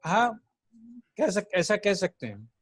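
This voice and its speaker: A man's voice: high voice, very animated, slow. A man joining a casual discussion, agreeable and interjecting. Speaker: discussion participant.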